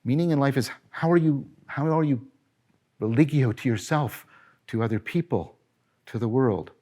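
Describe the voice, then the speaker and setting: A man's voice: medium pitch, moderate pace. Emphatic man lecturing on philosophy. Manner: animated, emphatic, frequent self-corrections and rhetorical questions.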